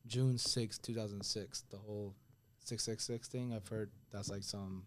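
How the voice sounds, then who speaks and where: A man's voice: fairly low pitch, steady tone, measured pace, a little hiss or hum. A young man talking casually and informally with friends, using plenty of slang. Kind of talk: casual group chat.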